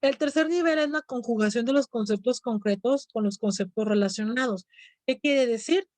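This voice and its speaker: A woman's voice: on the high side, normal speed, a little mellow, no room sound. Mexican woman teacher giving a lecture. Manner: explanatory, asks students questions. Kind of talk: classroom lecture.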